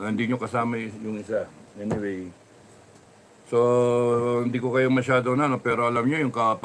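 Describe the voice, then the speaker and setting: A man telling a long personal story in a casual, rambling, halting way, full of restarts. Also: medium pitch, fairly bright tone, slight background noise.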